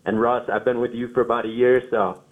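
A man's voice: mid-range voice, level tone, brisk. Brief: eager teen male caller, young adult, heard through a tinny phone line. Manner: eager, thankful.

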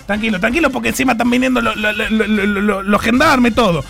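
A man with a Rioplatense Spanish accent joking through an improvised comic sketch, repeating calming words. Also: sits high, fast, creaky, over music.

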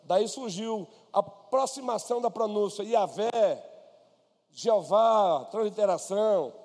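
Brazilian male pastor, high mellow voice, conversational sermon in an echoing church hall. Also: animated, slow pace. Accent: Brazilian Portuguese. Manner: conversational preaching, addresses listeners by name. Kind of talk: sermon with personal stories. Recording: long hall reverb.

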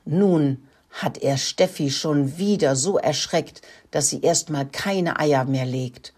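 An older woman narrating a children's story in a gentle, friendly way. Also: deep voice, slow pace, husky.

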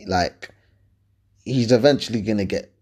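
London roadman-accented man, lower-pitched, casual advice. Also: unhurried, darkish tone, husky. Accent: London, urban roadman slang. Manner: colloquial, emphatic, repeats points and checks for agreement. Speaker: podcast host answering listener questions.

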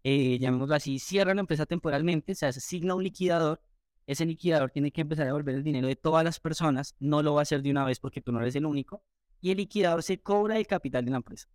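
A man from Colombia, a guest recounting his story in an interview with animated retelling and quoted dialogue. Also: a little high, fast, dry recording, clean studio sound. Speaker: entrepreneur guest.

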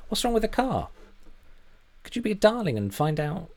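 A man voicing an impatient young woman who speaks in a forced, strained-high sweet voice. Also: huge pitch swings, moderate pace, a little mellow.

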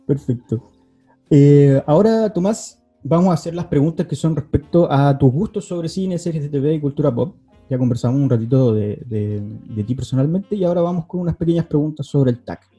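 A man's voice: fairly high pitch, mellow. A man interviewing a guest, asking questions and giving short affirming replies.

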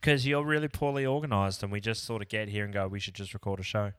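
A man's voice: on the low side, fairly even intonation, fast, clear, resonant tone, no room sound, studio quality. A man co-hosting a podcast, rambling in casual chat and throwing in jokey bits. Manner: rambling, jokey, tries silly accents. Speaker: podcast co-host.

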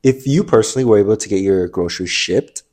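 Co-hosting a casual podcast chat, a young man talks fast in a lowish, darkish voice made nasal by allergy congestion. He rambles, laughs a lot, and keeps restarting what he says.

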